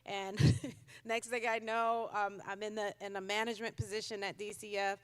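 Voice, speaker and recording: Woman in her 50s giving a talk in a big echoey hall, chatty, says um a lot, mid pitch. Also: little pitch movement, moderate pace, clean tone. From Connecticut, USA. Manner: conversational with frequent ums and light laughs. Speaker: keynote speaker, child welfare commissioner. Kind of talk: personal speech at a conference. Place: large conference hall with audience. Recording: long hall reverb.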